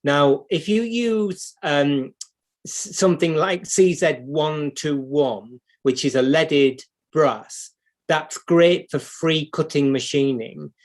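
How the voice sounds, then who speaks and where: A man's voice: fairly high pitch, takes it slowly. A man with a British accent gives an unscripted, hands-on repair demonstration, explaining as he goes and thinking aloud. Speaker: clock repair instructor and livestream host.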